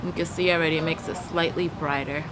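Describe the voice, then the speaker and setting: A woman's voice: sits low, steady tone, fast. A young woman chatting casually to camera, explaining a tutorial step by step as she works. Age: young adult. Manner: chatty, explains step by step while applying makeup. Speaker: beauty vlogger giving a makeup tutorial. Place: backyard outdoors, leafy garden. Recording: noisy outdoor ambience, traffic hum. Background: outdoor ambient noise.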